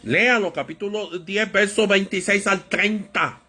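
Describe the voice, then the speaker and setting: A man preaching a Bible study sermon, with a lively storytelling manner that acts out voices in anecdotes. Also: high voice, moderate pace, soft background music.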